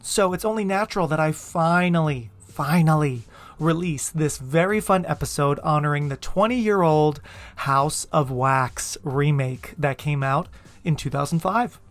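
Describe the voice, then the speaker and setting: A man's voice: fairly high pitch, a little slow. A man in his thirties with an American accent, hosting a podcast in a playful, campy way. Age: 30s. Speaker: podcast host. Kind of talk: upbeat podcast intro and casual chat.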